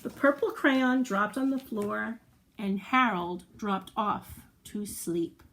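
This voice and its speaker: A woman leads a storytime for young kids, reading a story and encouraging them with simple explanations and questions. Her mid-range voice is fairly bright and slow. The recording is low quality, with slight background noise.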